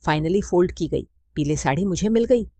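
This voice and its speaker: A woman's voice: lowish voice, lively intonation, normal speed, warm tone, no echo. A woman giving a mournful, scripted first-person story narration.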